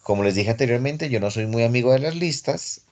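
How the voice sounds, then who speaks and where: A man walks his online class through English grammar rules. He talks in a patient, casual way, one step at a time. His voice sits in an ordinary middle pitch, heard through a computer mic. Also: lively intonation, fairly quick, a little mellow. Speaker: English teacher. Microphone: computer mic on a video call.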